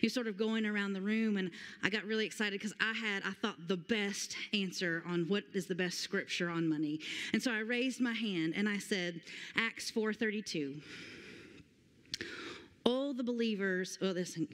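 A woman pastor preaches a sermon, reading scripture with earnest, slowed emphasis. Her mid-pitched voice carries a long reverb from the large sanctuary around her. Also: fairly bright tone. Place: large church sanctuary stage.

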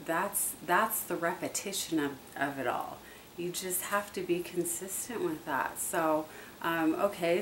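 Low-voiced woman chatting in an echoey room. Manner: chatty, repetitive, many fillers. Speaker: dog owner vlogger. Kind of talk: casual how-to talk. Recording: echoey, distant from the mic, faint hiss.

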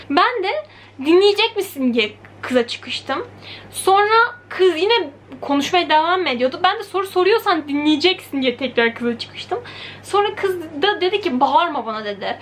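A young woman telling a story in a casual vlog, animated and chatty, acting out quoted lines. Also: high-pitched. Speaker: vlogger. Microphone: camera mic.

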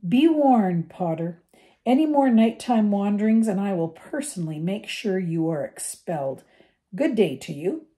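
A woman voicing a cold, sneering male teacher in a storybook reading, with a smooth, menacing manner. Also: mid-range voice, big pitch swings, a little slow, warm tone. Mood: threatening.

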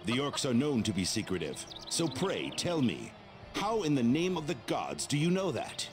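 A bold fantasy game hero in armour. His mock-biblical, courtly phrases rise and fall dramatically. Music sits clearly behind the voice. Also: medium pitch, huge pitch swings, moderate pace. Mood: courteous, bold. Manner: mock-archaic, quasi-biblical courtly speech. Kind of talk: scripted fantasy game dialogue.

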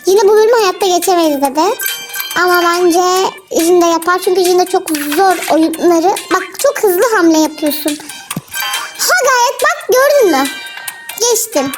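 Very high-voiced mother coaching gameplay. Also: lively intonation, normal speed. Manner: chatty, coaching and soothing, laughs often. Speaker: mother coaching her child through a game, channel host. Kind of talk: casual gameplay commentary to viewers. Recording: clear game music underneath. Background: game music.

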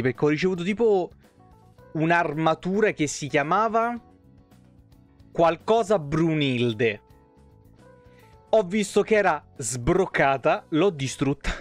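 A young Italian man streams a game from home, talking into a headset mic with a sore throat. His voice sits a touch high for a man, and he chats casually, greeting viewers by name and swearing often. Faint music plays behind him. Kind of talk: casual live-stream chat.

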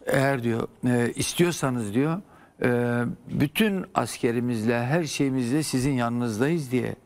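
A man's voice: medium pitch, a little slow, a little mellow. An older man, a historian guest in a TV studio, explaining at length with frequent hesitations.

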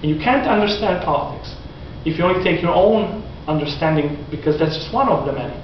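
Picked up from far off by a camera, this classroom recording sounds echoey, dull and lo-fi, with a little background noise. At the whiteboard, a fortysomething man lectures with animated gestures, his rather high voice moving fairly quickly as he keeps restarting his sentences.

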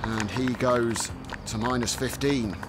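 A man working as a golf commentator, calling highlights of a tournament round. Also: steady tone, takes it slowly, over music.

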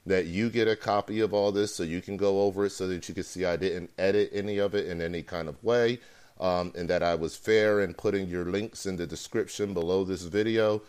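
Smooth low-voiced male host. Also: steady tone, a little fast, darkish tone. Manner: hesitant, many ums and uhs. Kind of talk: live internet talk show.

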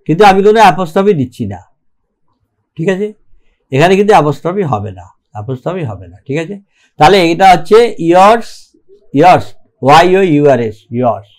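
A man teaching English grammar in a recorded lecture, reading rules aloud slowly and keeping checking that the class follows. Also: fairly high pitch. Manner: slow and deliberate, reads English rules aloud, keeps checking "ঠিক আছে?".

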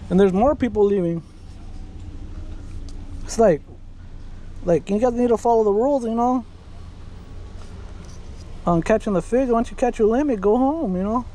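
A man in his thirties with a high, mellow voice speaks at normal speed with frequent pauses, vlogging as he drives and then fishes from a waterfront pier. He rambles chattily to his viewers in casual narration, captured on action camera audio with clear outdoor noise.

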